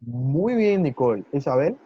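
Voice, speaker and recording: A medium-pitched man with a sing-song delivery teaches a live online Mandarin class, patient and encouraging as he checks in with students and sounds out words slowly and clearly. The audio comes across dull.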